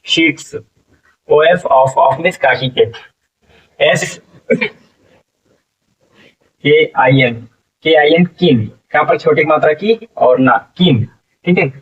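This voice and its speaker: A man's voice: fairly high pitch, a bit bright, breathy edge. A man teaching English phonics in a spoken lesson, spelling words letter by letter, repeating them and asking what each becomes. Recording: distant, dull lo-fi classroom recording.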